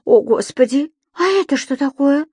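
A woman's voice: mid-range voice, lively intonation, normal speed, darkish tone, no room sound, clean studio sound, lightly acted. A woman voicing a fussy, reproachful female secretary who nags and frets. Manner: reproachful, fussing.

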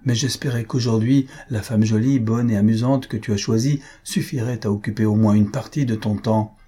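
A man reading aloud, voicing an elderly mother who chides her son in a husky, dark voice. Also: lowish voice, steady tone, moderate pace. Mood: reproachful. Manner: wry, chiding. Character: elderly dowager mother, worried, reproachful.

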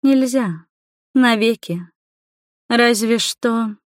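A woman voicing a stern, ancient female swamp spirit who speaks slowly and coldly. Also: on the high side, no echo, studio quality, voice pushed up.

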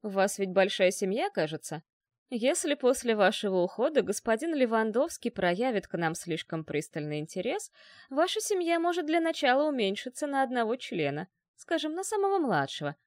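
A woman's voice: on the high side, sing-song, moderate pace, no echo, clean studio sound. A woman voicing a cold, mocking, menacing man who makes threats.

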